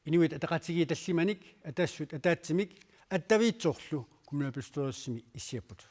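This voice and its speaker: A man reads scripted news as the anchor. His delivery is steady and formal, with a voice pitched slightly above the usual for men. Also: fast.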